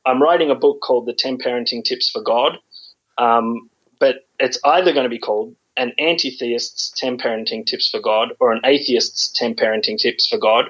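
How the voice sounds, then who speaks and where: A man's voice: mid-range voice, moderate pace, a bit bright, breathy edge, low-quality recording. Sarcastic, rambling man in podcast chat. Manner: sarcastic, rambling, frequent ums. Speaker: podcast guest.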